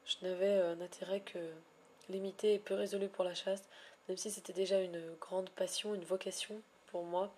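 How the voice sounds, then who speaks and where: Husky-voiced woman narrating with ornate phrasing. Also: mid-range voice, level tone, moderate pace, warm tone. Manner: ornate, wordy phrasing with frequent hesitations. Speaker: Pokémon shiny hunter vlogger. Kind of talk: casual vlog narration.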